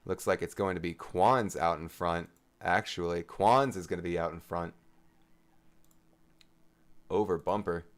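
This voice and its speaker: A man's voice: sits low, fairly even intonation, measured pace, pauses often. A man giving live play-by-play commentary on a drone race, chatting and joking with the pilots between heats.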